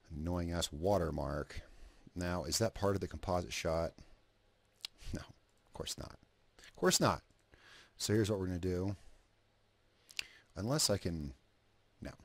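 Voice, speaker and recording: A man's voice: low voice, no room sound. A man talking through a video edit as he works, thinking aloud, trailing off and restarting, swearing casually, a cigarette in his mouth. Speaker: video creator narrating an editing session. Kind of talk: casual screen-recording commentary.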